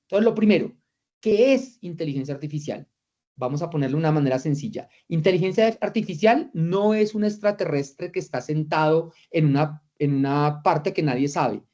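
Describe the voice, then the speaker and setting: Course instructor, dark mellow tone, lively and interactive, muffled video-call audio. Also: medium pitch, normal speed. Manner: engaging, reads chat replies aloud, rhetorical questions. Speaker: trainer of a virtual course. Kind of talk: interactive online lecture.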